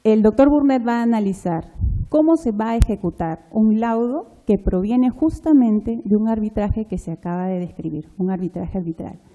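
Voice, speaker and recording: Dark, mellow-voiced woman moderating a panel. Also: medium pitch, normal speed, muffled recording. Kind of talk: formal conference panel introduction.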